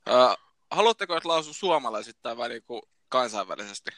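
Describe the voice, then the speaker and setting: A man co-hosting a casual podcast chat over a remote call, relaxed and chatty with hesitant fillers. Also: mid-range voice, dry recording, studio quality. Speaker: podcast co-host. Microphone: remote call recording.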